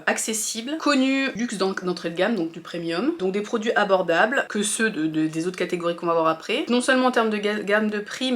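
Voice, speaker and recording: A woman's voice: medium pitch, fairly bright tone. A French woman talking casually to her viewers as a fashion vlogger, chatty and hesitant with many fillers and restarts. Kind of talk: casual opinion chat to viewers.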